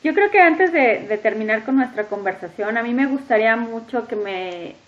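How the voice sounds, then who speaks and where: A woman hosting an interview, talking in a lively, emphatic way. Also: on the high side, moderate pace. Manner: talkative, lively, emphatic listing. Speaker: podcast host interviewing a guest. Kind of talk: casual interview chat. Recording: dull lo-fi audio.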